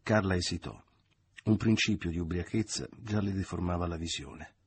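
A man reading a novel aloud in a measured, expressive storytelling voice. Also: low-pitched, slight background noise. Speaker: audiobook reader. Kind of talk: dramatic literary reading.

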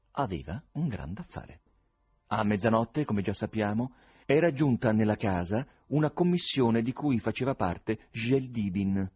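A man reading an audiobook aloud, with an expressive, varied delivery. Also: fairly low pitch, breathy edge. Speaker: audiobook reader. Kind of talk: dramatic audiobook narration.

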